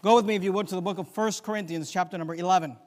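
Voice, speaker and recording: A male pastor preaching a sermon, emphatic, swinging between loud declarations and quiet asides, and reciting scripture in old-fashioned wording. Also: high voice, steady tone, very fast. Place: church sanctuary. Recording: long church hall reverb.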